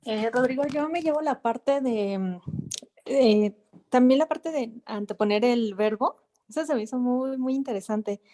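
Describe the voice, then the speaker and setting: A woman's voice: fairly high pitch, normal speed, dark tone. A woman with a Mexican Spanish accent, a coaching student, sharing thoughts in a hesitant way with many fillers. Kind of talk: sharing reflections in class. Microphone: video call.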